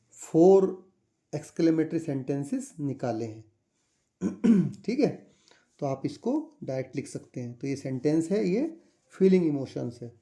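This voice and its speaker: Indian man, tutor, patient step-by-step explaining, very dark mellow tone, slightly high voice. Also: creaky. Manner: patient, repeats questions to the class. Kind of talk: explaining a school chapter.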